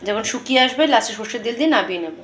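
A woman's voice: fairly high pitch, lively intonation, racing, a bit bright. A woman chatting casually to viewers in a home vlog, her voice congested from a cold and a sore throat. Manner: chatty, talks to viewers while showing around. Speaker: vlogger. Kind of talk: casual daily vlog chat. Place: home kitchen. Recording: roomy echo, faint background noise.

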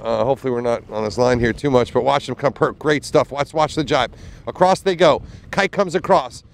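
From a small motorboat on open water, a man in his thirties commentates live on a sailing race, enthusiastic and chatty, often using fillers and restarting sentences. Through his windscreened handheld mic, his mid-range voice comes across a little fast and creaky, with slight background noise.

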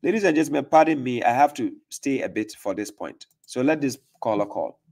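Speaking at a medium pitch, a little fast and with vocal fry, this male stream host sounds a little mellow yet keeps his intonation lively. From his home desk in a small room, he hosts a live call-in debate. He is a pushy questioner, pressing and repeating himself.

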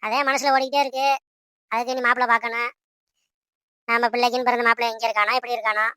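A high, bright cartoon mother who is always scolding. She rattles along at speed, nagging and bossing her family about, as a woman acts her out. The sound is dry and close. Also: level tone, fast, clean tone, dry recording. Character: bossy scolding mother of grown children. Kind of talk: Tamil cartoon voice acting.

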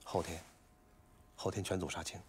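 A man's voice: low voice, level tone, moderate pace, slight background noise, lightly acted. An actor playing a pushy male film director who presses his cast to get the scene shot. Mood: pressing. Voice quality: raspy. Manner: pressing, then shouting orders. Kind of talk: film drama acting.

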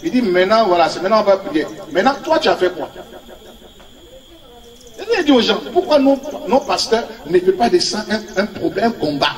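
A man preaches a sermon in a high, swooping voice, telling animated stories full of laughter and acted-out quotes. He is recorded in an echoey room, standing some distance from the microphone. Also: normal speed. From Ivory Coast. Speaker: prophet preaching. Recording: echoey room, speaker off-mic.

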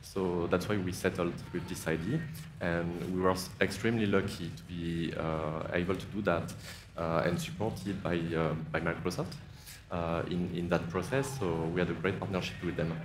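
Deep-voiced man. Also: fairly even intonation, noisy background. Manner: careful, with many "uh" pauses. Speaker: game director panelist. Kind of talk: live stage panel discussion. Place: large indoor event stage. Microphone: headset mic.

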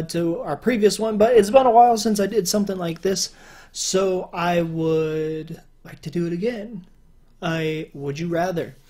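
This young man's high voice leads people on the phone to think he's a woman, though here the tone is darkish. He's a YouTuber rambling casually to a webcam at home in solo commentary, with plenty of fillers and restarts.

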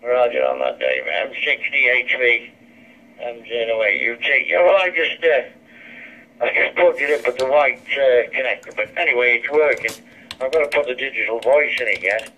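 An amateur radio operator chats casually over a handheld radio, heard through a dull, lo-fi two-way speaker. His voice is medium-pitched and sharp in tone, at a normal speed.

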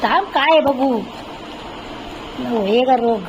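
A woman's voice: high-pitched, slow, noisy background. A woman home vlogger chatting casually in her kitchen and playfully scolding her pet.

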